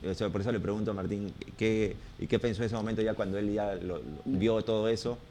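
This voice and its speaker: A male co-host rephrases his questions quickly in a low, mellow voice. A faint hum sits behind him. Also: steady tone.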